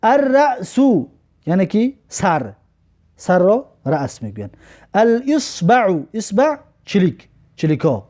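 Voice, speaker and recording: A man with a Tajik accent teaching in a high, lively voice that climbs and drops a lot. His tone is dark and mellow. He reads each word out slowly, then explains it more quietly. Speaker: Arabic teacher. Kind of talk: recorded lesson.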